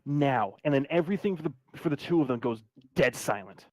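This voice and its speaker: A young man playing in a tabletop game, chatting informally with quick asides. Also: medium pitch, expressive. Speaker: player. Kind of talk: casual tabletop game talk.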